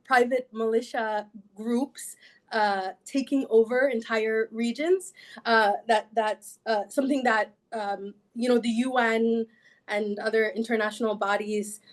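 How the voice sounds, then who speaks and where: A woman lawyer answering interview questions in measured sentences, pausing often on fillers and restarting. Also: fairly high pitch, fairly even intonation. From Sudan.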